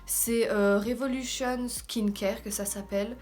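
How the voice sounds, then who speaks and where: High-voiced French woman chatting casually, French-accented English words. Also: steady tone, measured pace, darkish tone. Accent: French, heard also in her English. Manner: informal, slangy, self-deprecating. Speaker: beauty vlogger. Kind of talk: casual haul video chat. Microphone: camera in front of her with ring light.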